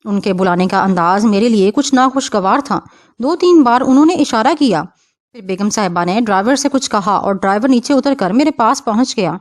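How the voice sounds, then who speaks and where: A woman narrates a novel with a steady storytelling delivery. Her voice sits a little high. The recording is dry and close. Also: no echo. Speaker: audiobook narrator.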